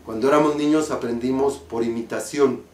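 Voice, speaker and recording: A man with a Mexican accent, an acting teacher explaining stage diction slowly and deliberately. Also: medium pitch, fairly even intonation. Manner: slow, deliberate, carefully articulated explanation. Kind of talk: spoken lesson on stage diction. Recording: roomy, from a distance.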